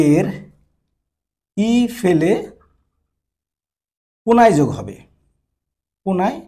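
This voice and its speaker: High-voiced man teaching grammar slowly. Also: dark tone. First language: Bengali. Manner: repetitive, checks understanding often. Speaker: Japanese language teacher. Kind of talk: classroom-style grammar lesson.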